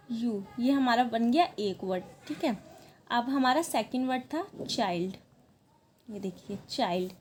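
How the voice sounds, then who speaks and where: A woman's voice: fairly high pitch, darkish tone, slight background noise. A woman teaching a language lesson, explaining step by step in a patient way and often checking in with the listener. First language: Marathi. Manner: patient, repeats "ठीक है" to check along.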